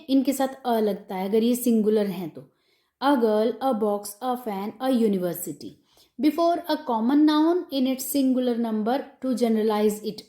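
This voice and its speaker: Slow, echoey Indian woman teaching grammar. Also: a little high, warm tone. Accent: Indian English. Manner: explains slowly in mixed Hindi and English, reading English rules aloud. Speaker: English teacher. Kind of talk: classroom grammar lesson.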